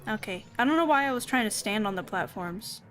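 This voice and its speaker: Bright, animated, and brisk, this woman's medium-pitched voice carries casual gameplay commentary as a VTuber, giggly and self-mocking as she plays. Game music sits faintly in the background.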